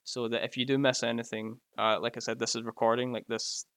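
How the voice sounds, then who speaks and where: A man with a Glasgow accent chats and jokes loosely as he reads his stream chat aloud. His voice sits at an ordinary middle pitch. It is recorded dry and close, with almost no room sound. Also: level tone, fairly quick, fairly bright tone, no echo. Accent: Scottish, Glaswegian. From Scotland. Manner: chatty and joking, laughs often. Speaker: live streamer reading chat. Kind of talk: casual live-stream chat. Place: at home by his computer. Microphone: close mic right in front of the mouth.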